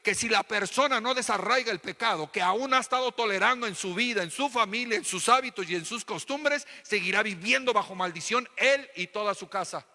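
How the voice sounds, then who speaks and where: A Mexican-accented man preaches to his congregation, driving points home with repeated phrases and pointed questions. His voice sits high and cuts sharp and bright. The sound carries the long echo of a church hall. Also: fairly quick, hardly any pauses. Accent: Mexican Spanish. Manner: preaching with emphatic repetition and rhetorical questions. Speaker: pastor. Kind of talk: sermon.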